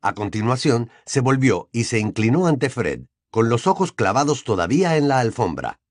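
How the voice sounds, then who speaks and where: Expressive male audiobook narrator, dry sound. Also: mid-range voice, moderate pace, no room sound. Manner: expressive, storytelling delivery. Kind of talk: scripted narration.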